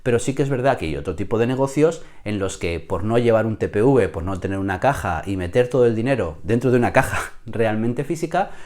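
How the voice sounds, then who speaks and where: A man with a hoarse voice, explaining business mistakes to camera as a consultant, often checking in with the viewer. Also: fairly low pitch, expressive, brisk, hardly any pauses, a little mellow.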